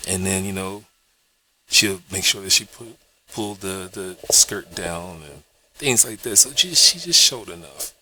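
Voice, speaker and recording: A man's voice: deep voice, measured pace, bright, forceful tone. A man vlogging in a casual, rambling monologue, cursing often and checking in with "you know what I mean".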